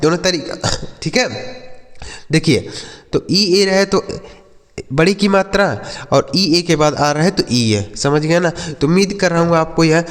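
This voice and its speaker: Male teacher spelling words slowly. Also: on the high side, in a large hall. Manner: spells letters out slowly, asks and answers himself. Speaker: English teacher. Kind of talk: spelling lesson for children.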